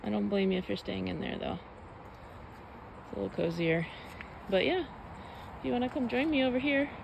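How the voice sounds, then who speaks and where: The audio is dull and the background noisy as a young woman speaks briskly in a creaky, mid-range voice. A car-living vlogger, she chats casually at a forest campsite, filming on a phone at arm's length and thinking out loud with many fillers.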